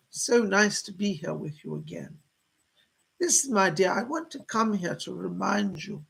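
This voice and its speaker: A man as a seance medium voicing a gentle, motherly female spirit guide, speaking in genteel, solemn endearments with a husky, creaky voice. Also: high voice, heavily acted, low-quality recording. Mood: affectionate, greeting. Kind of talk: seance medium trance channeling, addressing sitters with spirit messages.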